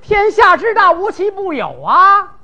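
A woman comedian performing crosstalk comedy as a boastful gossip who drops to a hush when sharing secrets. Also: very high voice, huge pitch swings, a little slow, dull audio.

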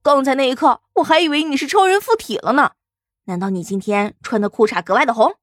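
A man voicing an excitable, gushing schoolkid sidekick in an audiobook, teasing and easily impressed. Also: extremely high pitch, fast, no room sound, clean studio sound, voice pushed up. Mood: excited. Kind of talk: audiobook character voice.

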